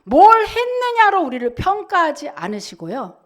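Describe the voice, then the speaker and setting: A woman's voice: extremely high pitch, huge pitch swings, normal speed. A woman pastor giving a Sunday sermon, talking to the congregation in a conversational way and asking many rhetorical questions.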